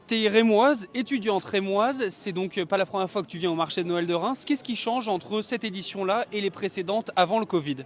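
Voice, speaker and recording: A man working as a street reporter, asking passers-by friendly, clear questions. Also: sits high, moderate pace, hardly any pauses, a little hiss or hum. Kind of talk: vox-pop interviewing.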